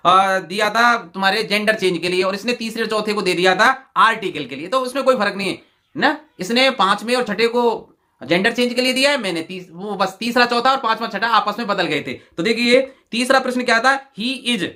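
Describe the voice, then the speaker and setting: Male teacher from Rajasthan, high voice, step-by-step answer walkthrough, slow word drills. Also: bright, forceful tone. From Rajasthan, India. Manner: explains step by step, repeats "dekhiye", drills pronunciation slowly.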